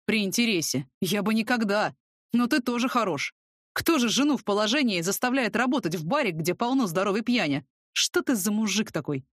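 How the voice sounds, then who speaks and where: A woman's voice: mid-range voice, lively intonation, a little fast, dry recording, studio quality, close to an everyday voice. A woman reading an audiobook, voicing a burly, crude young thug who talks bluntly. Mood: sullen. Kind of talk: audiobook character voice.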